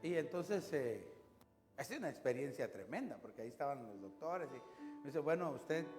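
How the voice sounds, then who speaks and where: A male pastor preaching a conversational sermon, telling stories with lively rises and drops. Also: medium pitch, normal speed. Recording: long reverb with music behind. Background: music.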